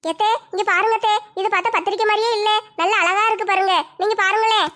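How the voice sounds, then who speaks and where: High pitched woman, kinda flat tone, quick eager chatter, comedy skit.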